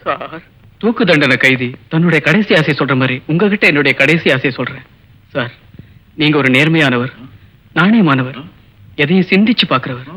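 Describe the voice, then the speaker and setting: An earnest young student pleading. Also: male voice, on the high side, lively intonation, moderate pace, pauses often, pushed and bright. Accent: Tamil. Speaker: college student. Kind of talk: 1980s film acting.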